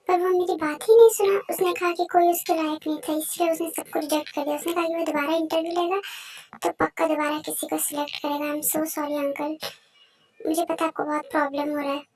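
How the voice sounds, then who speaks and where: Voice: sits high, recorded from a distance. A performer voicing a polite young man who apologizes to his friend's father.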